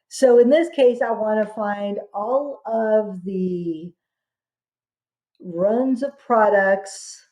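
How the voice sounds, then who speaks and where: A woman instructor narrating a software tutorial step by step, dictating what gets typed piece by piece. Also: mid-range voice.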